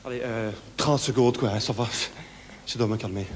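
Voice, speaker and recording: On a theatre stage, a stand-up performer with a Brussels French accent delivers a nervous, rambling one-man monologue into a handheld mic, his intonation fairly even and his pace moderate. Local fillers abound, and he jumps into put-on voices pitched higher than his own. Long hall reverb and faint room noise surround him.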